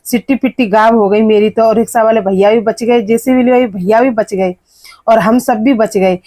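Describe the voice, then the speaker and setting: A woman's voice: on the high side, dark tone, no room sound. A woman vlogger talking casually to her viewers while walking outdoors, filming on a handheld phone. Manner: chatty, talks straight to viewers. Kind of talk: casual vlog narration. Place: outdoors on the street and at a temple. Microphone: phone held while walking.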